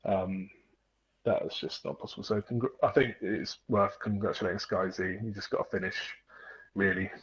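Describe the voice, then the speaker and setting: A man with a fairly low voice talks through his race in a casual interview. He is conversational and reflective. The sound is dull, like lo-fi voice chat. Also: moderate pace. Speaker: racing driver being interviewed.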